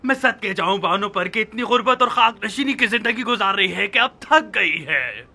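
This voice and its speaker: A man's voice: high voice, animated, normal speed, vocal fry, pushed and bright, heavily acted. An actor dubbing an irritable nobleman husband in a historical drama, speaking sarcastically and scolding. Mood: bitter.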